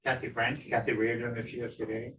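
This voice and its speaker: A man's voice: medium pitch, flat delivery, fairly quick, fairly bright tone. A man making casual small talk and asking questions among colleagues. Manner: chatty, asks questions. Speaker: meeting participant. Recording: distant mic with faint background noise.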